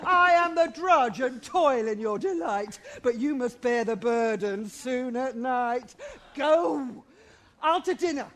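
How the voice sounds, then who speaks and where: A woman's voice: high-pitched, expressive, slow pace. A woman playing a garrulous older nurse in a Shakespeare play, teasing and groaning about her aches. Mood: fussy teasing. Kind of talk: Shakespeare stage acting.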